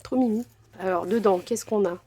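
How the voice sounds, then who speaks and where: A woman's voice: mid-range voice, moderate pace, warm tone, slightly rough. Woman vlogger, casual unboxing chat, effusive, lots of fillers. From France. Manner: chatty, gushing, many fillers. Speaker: crafting vlogger.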